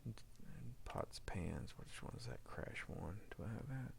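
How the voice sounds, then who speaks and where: A man who edits sound for a fan audio drama walks through a casual screen-recorded demo, talking as he works and often muttering file labels to himself. His voice is fairly low, animated, unhurried, and gravelly, with faint background noise and clicking.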